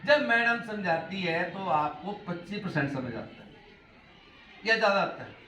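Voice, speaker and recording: Animated man addressing students in an echoey hall. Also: high voice, unhurried, far from the mic, a little hiss or hum. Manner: animated, asks the class questions, mixes in English phrases. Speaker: motivational speaker addressing students. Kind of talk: classroom talk to schoolchildren.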